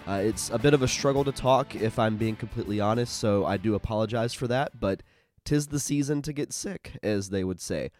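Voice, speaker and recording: A man's voice: fairly low pitch, a little fast, darkish tone, soft background music. A man hosting a podcast while fighting a cold, his voice stuffy and a little nasal, chatting upbeat with plenty of fillers. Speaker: podcast host. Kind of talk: casual podcast interview.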